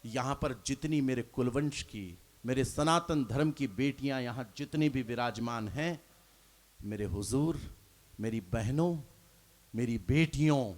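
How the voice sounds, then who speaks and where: A man's voice: medium pitch, a little mellow. A man performing his poetry on stage at a live poets' gathering, declaiming each couplet twice and speaking straight to the audience.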